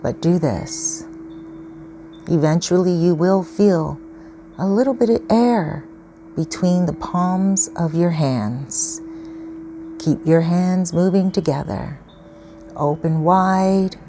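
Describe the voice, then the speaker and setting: Low, slow-paced woman guiding calm grounding meditation. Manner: slow, patient, instructional phrasing. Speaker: meditation guide. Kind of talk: calm guided grounding exercise. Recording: clearly noisy ambient background.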